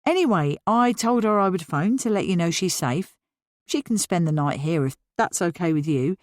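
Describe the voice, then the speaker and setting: A woman reading the part of a polite middle-aged father who speaks slowly and calmly, hesitating with ums. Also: lowish voice, no echo, clean studio sound, lightly acted. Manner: slow, calm, hesitant with ums.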